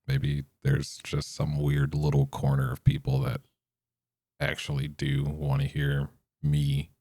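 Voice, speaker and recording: Young male podcast host, very deep gravelly voice, slow monotone rambling, dry close sound. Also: no echo. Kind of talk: unscripted solo podcast rambling.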